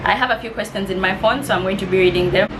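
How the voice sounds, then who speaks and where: A woman in her twenties, about twenty and from East Africa, talks fast at medium pitch with noise in the background. In a casual Q&A vlog she answers get-to-know-me questions in a friendly, slightly nervous way, reading each aloud with soft laughs.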